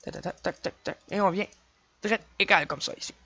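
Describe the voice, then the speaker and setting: A young man with a Québécois French accent, chatting casually through a game tutorial, counting his clicks aloud and apologizing quickly for slips. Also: sits high, gravelly, bright, forceful tone, slightly rough, no room sound. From Quebec. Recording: dull lo-fi dry home mic.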